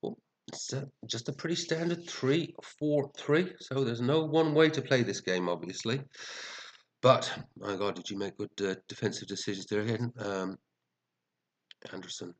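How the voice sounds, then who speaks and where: A man's voice: medium pitch, normal speed. A man with a stuffy head cold, chatting and muttering his way through casual, mildly sweary commentary as a show host. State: sniffly, congested with a head cold. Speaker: fantasy football show host. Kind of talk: casual rambling commentary reviewing team scores.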